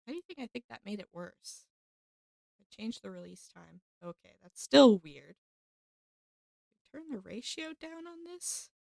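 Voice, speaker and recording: A woman live-streams from her home setup on a desk mic with headphones, chatting casually and upbeat with viewers and thanking subscribers, slightly stuffy from a cold. Her medium-pitched, darkish voice is creaky, swings widely in pitch, moves unhurriedly and pauses often. There's no room sound.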